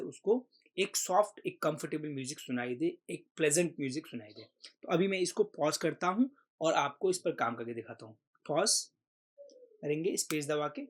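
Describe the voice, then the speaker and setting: Man walking through a software tutorial. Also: fairly high pitch. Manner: patient step-by-step explaining, mixing in English terms. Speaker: tutorial host. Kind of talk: screen-recorded software tutorial.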